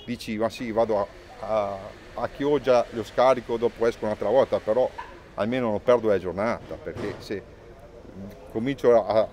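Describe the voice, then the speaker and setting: A man, a fisherman speaking in a casual interview, halting and repeating himself. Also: on the low side, a little mellow, rough recording. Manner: halting, repeats words, asks "hai capito?".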